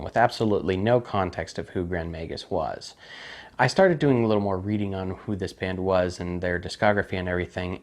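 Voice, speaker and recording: A man giving a casual, candid spoken album review with a critical, conversational manner. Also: fairly low pitch. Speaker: music reviewer.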